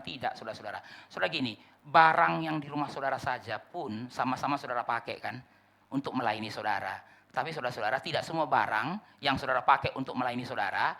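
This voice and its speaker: Fast, bright-voiced preaching pastor. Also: male voice, mid-range voice, vocal fry. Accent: Indonesian, Manado area. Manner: preaching with repeated congregation address, acted-out dialogue, sudden drops to a hush. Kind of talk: sermon.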